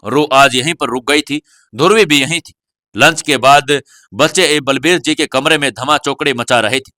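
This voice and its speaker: Bright, dry male story narrator. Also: medium pitch, normal speed, no room sound. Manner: steady storytelling, voicing every character. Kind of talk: scripted audio-novel narration.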